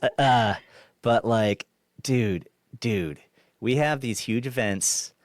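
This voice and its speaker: A man's voice: medium pitch, takes it slowly, dry recording, studio quality. A man from Kansas, a former film assistant director, chatting casually as a podcast guest, restarting sentences, laughing easily and swearing now and then. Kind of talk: casual interview chat.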